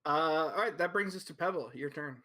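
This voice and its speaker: A man running a tabletop game as game master, describing the scene with lots of pauses and ums. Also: fairly high pitch, pushed and bright.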